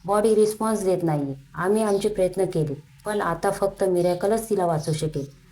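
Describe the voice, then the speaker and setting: A woman's voice: medium pitch, normal speed, mellow, natural voice, poor audio. A woman voicing a grave, matter-of-fact male hospital doctor delivering bad news. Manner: formal, grave.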